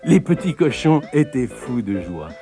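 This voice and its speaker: Lively man reading a fairy tale. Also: medium pitch, unhurried, creaky, over music. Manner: lively expressive storytelling. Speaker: storyteller.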